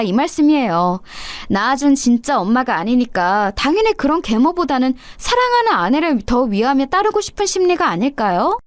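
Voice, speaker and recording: A woman's voice: high-pitched, dry recording. A woman voicing an insolent young daughter-in-law who talks with sarcastic, overly polite mockery.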